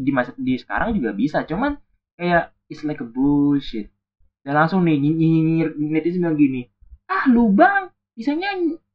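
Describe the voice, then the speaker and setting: A young man rants through a casual podcast monologue, dropping English words and restarting phrases as he goes. His pitch swings widely. The recording sounds dull and lo-fi. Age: young adult. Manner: animated, ranting, sprinkles English words, frequent restarts. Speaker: podcast host.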